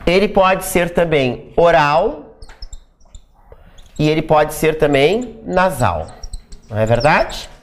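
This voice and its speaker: A grammar teacher giving a recorded exam-prep lesson, checking in with "tá?" and "né?" after almost every point and drawing out example words slowly to demonstrate their sounds. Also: medium pitch, animated, a little hiss or hum. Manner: ends nearly every point with "tá?" or "né?"; repeats key points for emphasis.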